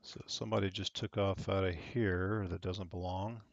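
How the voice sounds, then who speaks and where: A man's voice: low-pitched, little pitch movement, normal speed, creaky, dry recording, highs cut off. A man working as a virtual air traffic controller, switching between procedural air traffic control radio calls and casual explanation. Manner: procedural phrasing, spelled-out digits and call signs.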